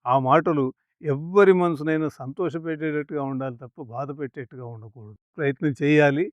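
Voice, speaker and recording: Calm man teaching scripture, dry sound. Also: fairly high pitch, no echo. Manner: calm, measured, chants verses slowly. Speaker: spiritual teacher. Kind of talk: explanatory lecture on scripture.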